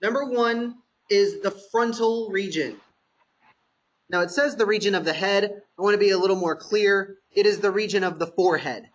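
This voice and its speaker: A man's voice: sits high, moderate pace, muffled recording. A man teaching a massage therapy class online, explaining terms patiently over a choppy video-call connection.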